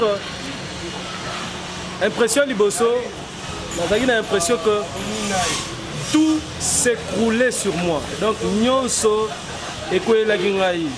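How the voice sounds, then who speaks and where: A man's voice: sits high, unhurried, pauses often. A man in his forties, giving an earnest street interview and building to emphatic, rhetorical declarations. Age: 40s. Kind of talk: street interview, mixing French and Lingala. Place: outdoors on a city street. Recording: noisy street with passing traffic.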